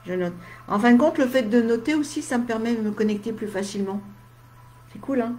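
A woman medium on a casual live stream, chatting straight to her viewers in short asides, tired and with a slight head cold that leaves her voice a little dry and husky. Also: fairly high pitch, a little fast, a little mellow.

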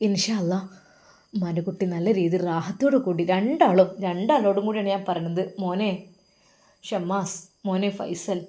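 A woman voicing an older, loving and pious mother who speaks tenderly and preaches gently. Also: fairly low pitch, lightly acted. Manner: tender, pleading, softly preaching.

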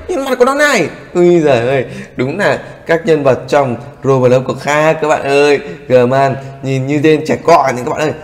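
A man giving excitable reaction commentary on a video, exclaiming often and calling out to his viewers. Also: high-pitched. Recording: long reverb with loud background noise.

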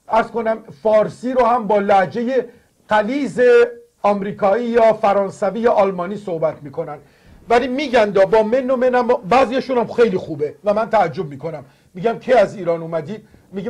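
A man's voice: high voice, a little mellow. An older man from Iran, talking in an earnest, digressive sermon style to viewers. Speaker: religious TV speaker. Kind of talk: preaching monologue to viewers.

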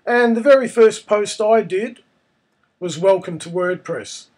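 A man presents a casual software tutorial in a noticeably high voice. It sounds husky and croaky, hoarse with a cold, as he talks through each step. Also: a little slow. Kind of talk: casual screencast tutorial narration.

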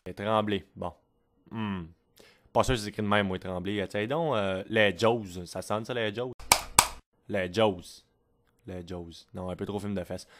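Homme québécois qui marmonne, hésitant. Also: male voice, on the low side, moderate pace, heavy background noise. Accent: Quebec French. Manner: hesitant, muttering to himself. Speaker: sketch comedian. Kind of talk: comedy sketch.

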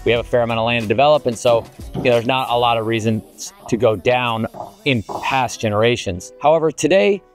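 A man's voice: mid-range voice, a little fast, faint music behind. Methodical man walking through a build site. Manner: earnest, methodical, with filler words. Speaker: home builder. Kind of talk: explanatory on-site walkthrough. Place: outdoor construction site, basement pit.

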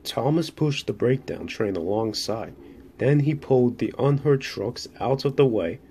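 A man reads a children's railway story aloud in a measured, steady way. His voice sits at an ordinary mid pitch. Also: slight background noise. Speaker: narrator. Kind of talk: storybook narration.

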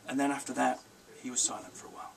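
A man, the author, reading his children's book aloud in a measured, gentle storytelling manner. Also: mid-range voice, flat delivery, vocal fry, far from the mic, poor audio. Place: live reading event.

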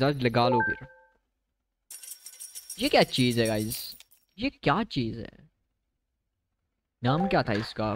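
A man's voice: medium pitch, background noise. A man giving chatty live commentary on his game, talking straight to his viewers and mixing in English phrases. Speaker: gaming streamer.

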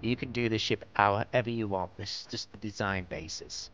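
A man's voice: fairly low pitch, steady tone, normal speed, a bit bright. A man from northwest England with a Lancashire accent, giving a casual, rambling, self-deprecating commentary as host of a game-building tutorial. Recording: dull lo-fi mic, clear background noise.

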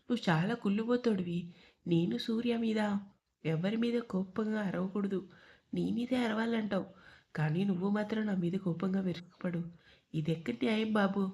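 A young woman from a spoken love story, quick to sulk and quick to tease, read by a woman. Her lines lean affectionate and sarcastic. The voice is mellow rather than bright. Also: medium pitch, lightly acted. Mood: pouting. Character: young woman, emotional, playful and sulky.

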